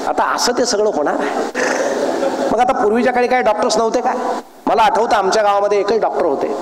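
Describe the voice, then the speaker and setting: A man's voice: sits high, quick pace, background noise. A man giving a humorous speech to an audience, telling jokes and acting out the dialogue in his stories. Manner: storytelling with jokes, acts out dialogue. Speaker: public speaker. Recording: echoey hall with long reverb.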